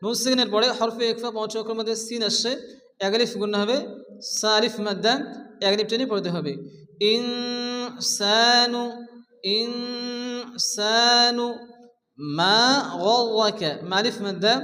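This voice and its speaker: Brief: very high, bright male teacher's voice, chants verses slowly then rattles off the reading rules, long reverberant echo. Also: fairly even intonation. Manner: alternates slow chanted recitation with rapid rule explanations. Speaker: Quran recitation teacher. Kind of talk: Quran recitation lesson.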